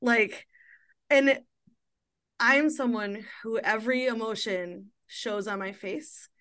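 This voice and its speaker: Woman, thirties, podcast host, casual chat, slightly high voice, laughs often. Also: slow, sharp tone. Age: 30s. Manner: chatty, laughs often, many fillers.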